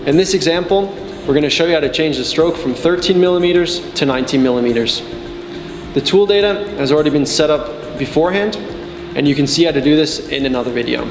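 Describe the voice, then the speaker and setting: A man in his twenties with a slightly high voice works as a technical support and customer trainer. He gives scripted instructional narration, explaining each step in a measured way, over background music in an echoey, reverberant space.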